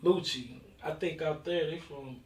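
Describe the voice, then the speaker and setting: A man hosting a casual podcast interview, asking questions in a laid-back, slangy way and agreeing often with quick yeahs. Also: fairly high pitch, darkish tone, far from the mic. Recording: roomy sound, voice set back from the mic.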